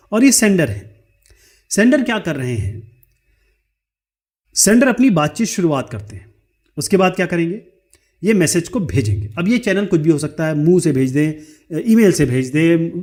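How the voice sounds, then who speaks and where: A man with a noticeably high-pitched voice explains a lesson step by step. He illustrates each point with everyday examples and keeps asking "right?" to check in. He slips English technical terms into his explanations. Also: a little mellow. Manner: checks in with frequent "right?" tag questions. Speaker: teacher. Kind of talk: explanatory lecture.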